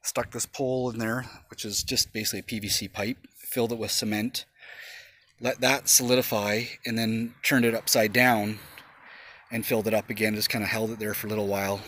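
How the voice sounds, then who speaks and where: Low-voiced man rambling in a backyard. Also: little pitch movement, brisk, pushed and bright. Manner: rambling, swears when straining, many fillers. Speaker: vlogger. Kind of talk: casual show-and-tell. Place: backyard outdoors. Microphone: handheld phone camera.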